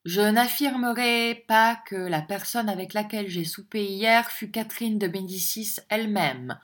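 A woman's voice: medium pitch, a little slow, close to an everyday voice. A woman reading a pale, solemn provincial lawyer. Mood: grave.

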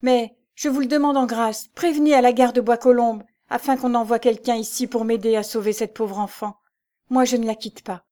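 A woman's voice: fairly high pitch, fairly even intonation, normal speed, mellow, pitched above the performer's own voice, close to an everyday voice. A woman voicing a grief-stricken middle-aged bread carrier, raised and choked with sobs, in an audiobook. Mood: pleading. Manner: choked, sobbing, pleading.

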